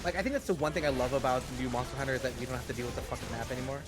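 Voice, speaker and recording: A man's voice: medium pitch, rapid-fire, over music. An American man chatting casually during a game stream, swearing freely and using many fillers. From United States. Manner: profane, animated, fillers like um. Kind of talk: casual gaming chat.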